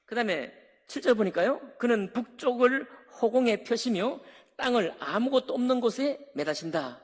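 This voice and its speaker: A man's voice: very high-pitched, lively intonation, normal speed. A man preaching a sermon as pastor, animatedly acting out the quoted speech of the figures he explains. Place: church sanctuary. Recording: long hall reverb.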